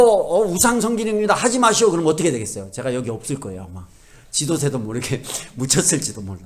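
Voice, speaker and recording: A man delivers a Sunday sermon in a lively, conversational way, his voice sitting somewhat high and rising and falling a great deal. He keeps asking the congregation questions and drops from loud emphatic lines to hushed asides. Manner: conversational preaching with frequent rhetorical questions to the congregation. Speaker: pastor.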